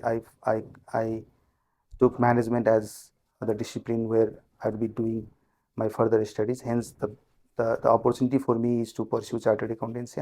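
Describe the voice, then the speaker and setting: A middle-aged Nepali man, a group CFO appearing as a guest, answers interview questions in a measured way, often restarting his sentences. His voice is mid-range and mellow.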